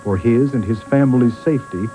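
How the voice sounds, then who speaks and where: A man, a journalist, giving measured, grave documentary narration, heard from a worn VHS tape copy. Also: mid-range voice, warm tone, rough recording. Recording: faint music underneath, worn tape.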